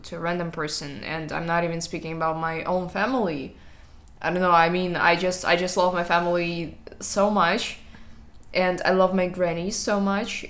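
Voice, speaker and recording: Unhurried young woman telling a story. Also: fairly low pitch. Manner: unhurried storyteller with hesitant fillers. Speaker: co-host. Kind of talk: casual chat.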